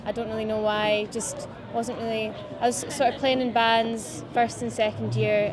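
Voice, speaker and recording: Young Scottish woman chatting outdoors. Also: medium pitch. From Scottish Highlands. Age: 20s. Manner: relaxed, rambling with many fillers. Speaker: musician guest. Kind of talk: casual interview chat. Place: outdoors by a city riverbank. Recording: outdoor crowd noise behind.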